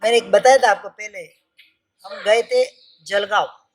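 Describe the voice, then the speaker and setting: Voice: medium pitch, steady tone, unhurried, low-quality recording. A Jain monastic preacher in their fifties giving a sermon, using rhetorical questions, repeated lists and stories. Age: 50s.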